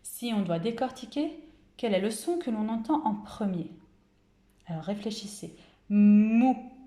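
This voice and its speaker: A French kindergarten teacher gives a recorded home-school lesson in a medium-pitched, mellow, very animated voice, in an echoey room. She speaks slowly and articulates carefully, drawing out each syllable.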